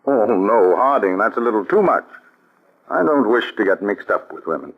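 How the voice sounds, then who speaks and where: A proper, easily flustered army colonel in his forties in an old radio drama. His low, husky voice swings widely in pitch. It comes through a dull, muffled broadcast. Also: moderate pace. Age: 40s. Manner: expressive and flustered. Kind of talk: 1940s radio acting.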